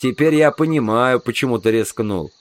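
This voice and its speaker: A man's voice: mid-range voice, normal speed, close to an everyday voice. A man voicing a burly, practical infantry sergeant who talks matter-of-factly. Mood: plain.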